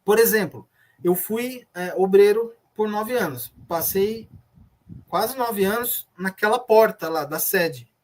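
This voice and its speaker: A former church member with a Brazilian Portuguese accent tells his story in an interview, speaking slowly in a high-pitched voice. Earnest and reflective, he recalls his memories as personal testimony, frequently starting his sentences over.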